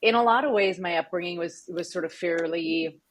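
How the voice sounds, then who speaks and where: A woman's voice: fairly low pitch, brisk. A woman in her forties from Southern California, a company executive telling her story articulately in an interview. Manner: articulate, warm storytelling with fillers. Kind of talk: interview conversation.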